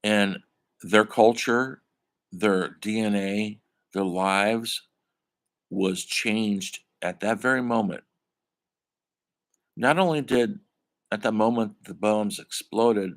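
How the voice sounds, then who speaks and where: A man's voice: on the low side, slow pace. An older man giving a classroom film lecture in a conversational way, calling his students folks. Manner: conversational, addresses listeners as folks. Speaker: college film instructor.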